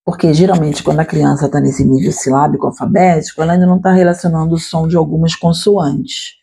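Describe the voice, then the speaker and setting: A woman's voice: low voice, fairly even intonation, fairly quick, creaky, mellow, a little hiss or hum. A woman teacher, explaining her classroom work in a lecture and checking in with listeners as she goes. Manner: explanatory, addresses listeners directly with frequent "tá?" and "né?".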